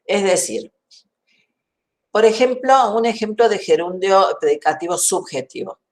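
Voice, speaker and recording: A woman's voice: medium pitch, expressive, a little slow, a little mellow. A woman teaching a university grammar class online. She explains methodically, works through examples and checks that students understand. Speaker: grammar lecturer. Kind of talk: university lecture.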